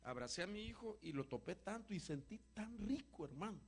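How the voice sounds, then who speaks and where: Gravelly-voiced man preaching a testimony. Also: high-pitched, sing-song, a little fast. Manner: emotional storyteller, voice swings from loud to hushed. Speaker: apostle answering congregation questions.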